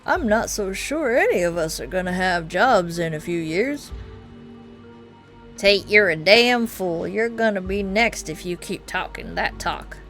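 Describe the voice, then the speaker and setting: A woman's voice: medium pitch, animated, unhurried, fairly bright tone, pitched below the performer's own voice. A folksy old mine worker, played by a woman, drawls in rural Southern dialect. He is blunt and superstitious, a video game character, and music plays underneath. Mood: blunt, defiant.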